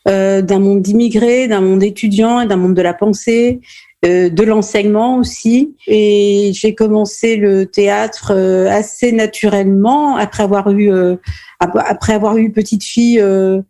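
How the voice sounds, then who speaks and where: This woman, a middle-aged playwright and stage director from Normandy in France, has a dark, mid-range voice and a steady tone. She considers each interview question carefully, with frequent pauses and restarts.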